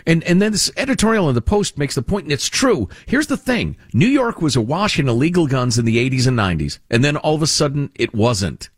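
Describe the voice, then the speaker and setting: A man's voice: on the high side, a little fast, hardly any pauses, slightly rough, no room sound, clean studio sound. A man hosting a talk show, giving sarcastic, opinionated commentary with lots of restarts. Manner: sarcastic and animated, with frequent restarts.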